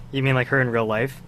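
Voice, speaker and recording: A man co-hosting a casual podcast, rambling through stories and acting out quotes as he goes. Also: medium pitch. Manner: rambling, animated retelling with acted-out quotes. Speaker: podcast co-host. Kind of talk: casual chat.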